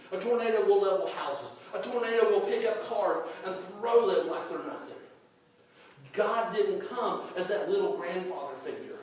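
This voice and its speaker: A pastor preaches in a high, lively voice, folksy and repetitive as he swings from loud to hushed. He sounds distant from the mic in a very echoey church, with faint room noise behind him. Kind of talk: sermon. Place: church sanctuary. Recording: echoey church recorded from far off.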